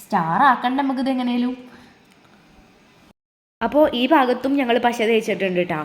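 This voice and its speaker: A woman's voice: a little high, moderate pace. A woman, casually chatting to viewers step by step while making crafts at home. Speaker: family vlogger. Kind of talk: casual crafts vlog chat.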